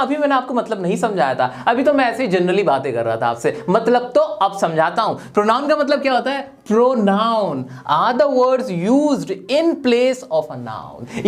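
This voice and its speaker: A man teaching grammar to viewers in a playful way, firing rhetorical questions at them. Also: high-pitched.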